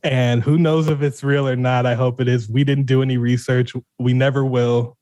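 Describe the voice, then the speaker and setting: A man's voice: mid-range voice, flat delivery, normal speed, mellow, no room sound, highs cut off. A man from Arizona co-hosting a podcast in casual chat, cursing freely and often breaking into laughter. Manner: giggly, keeps breaking into laughter, swears freely. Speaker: podcast co-host.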